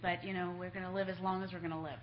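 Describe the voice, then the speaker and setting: A middle-aged nurse gives a conversational conference talk to families, filling it with lots of ums. Her voice is fairly low and level, and she speaks very fast. The lecture recording is dull and lo-fi, with a noisy background.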